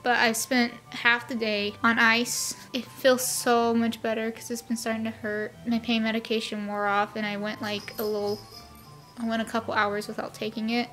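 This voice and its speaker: A woman's voice: on the high side, flat delivery, normal speed, fairly bright tone, faint music behind. A young woman giving a casual, matter-of-fact vlog recap in a rambling way, recorded indoors in a bedroom. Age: young adult.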